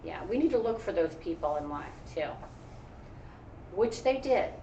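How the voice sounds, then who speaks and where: An American teacher reads a picture book aloud to young listeners, adding encouraging, reflective asides in a casual discussion. Her lowish voice is animated and moderately paced, and the audio is dull, roomy and distant-miked with faint background noise.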